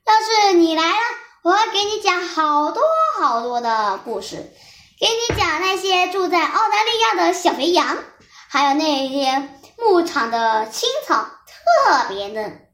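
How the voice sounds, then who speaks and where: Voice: extremely high pitch, sing-song, a little slow, pushed and bright, roomy sound, exaggerated voice. A child voicing a scheming, greedy old male wolf in a storybook reading. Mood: sly, coaxing.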